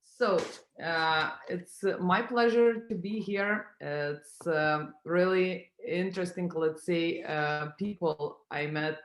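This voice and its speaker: A middle-aged woman from Lithuania, giving an unhurried online conference talk as a guest speaker, pausing often with fillers. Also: sits low. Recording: roomy echo.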